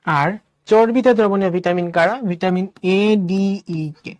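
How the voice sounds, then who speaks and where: At normal speed, a high-voiced male teacher conducts an online class, blending English words into his Bangla. He explains each step in order, raising questions and answering them himself, in a dry, studio-quality recording.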